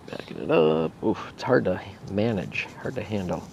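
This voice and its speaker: A man with a gravelly voice giving a casual, unscripted product review, thinking aloud in a halting, laid-back way. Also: sits low, sing-song, darkish tone. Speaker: pipe tobacco reviewer. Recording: faint background noise.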